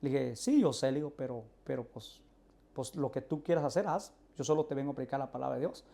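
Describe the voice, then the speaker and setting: Earnest pastor. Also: male voice, medium pitch, quick pace, gravelly, mellow. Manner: earnest storyteller, acts out quoted dialogue. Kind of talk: telling a personal testimony.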